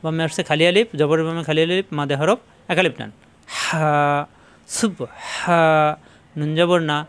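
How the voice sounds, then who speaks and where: A middle-aged man teaching Quran pronunciation, repeating each syllable slowly and correcting common mistakes. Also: on the high side, fairly even intonation, fairly bright tone, clean tone. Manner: slow, drawn-out syllable-by-syllable drilling of sounds. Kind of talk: religious pronunciation lesson.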